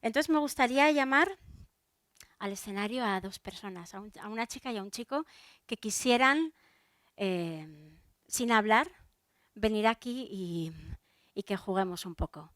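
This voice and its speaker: A woman's voice: mid-range voice, lively intonation, a little slow, pauses often, fairly bright tone, dry recording, clean studio sound. A woman from Spain with a Spanish accent, a soprano giving a chatty public talk and speaking straight to her audience, with many fillers and restarts.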